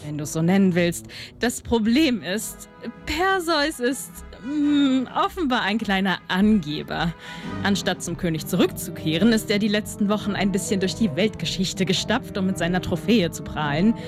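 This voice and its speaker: A woman's voice: medium pitch, animated, moderate pace, close to an everyday voice. A woman playing a vain, condescending goddess in a comic audio drama, airy and flippant in manner. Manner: flippant, airy, mock-innocent, hesitating over awkward words. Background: music.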